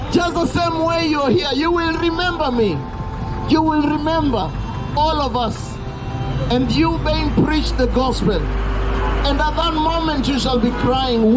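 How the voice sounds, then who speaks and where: A man's voice: very high-pitched, poor audio. A man, preaching an urgent open-air sermon by a busy road through a handheld mic and speaker. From Kenya. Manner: loud, urgent preaching with drawn-out warnings. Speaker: street preacher. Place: roadside outdoors by a busy street. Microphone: handheld mic through a portable speaker, camera at a distance. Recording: street traffic noise, open air.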